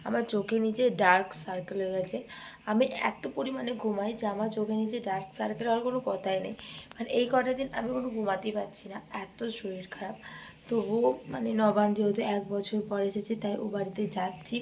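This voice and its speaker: A young woman vlogger with a hoarse, broken voice, talking softly to the camera as she walks outdoors through fields. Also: mid-range voice, fairly even intonation, quick pace, a little hiss or hum. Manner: speaks softly while walking. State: hoarse, lost voice. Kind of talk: casual vlog chat to camera. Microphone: handheld camera kept at a distance.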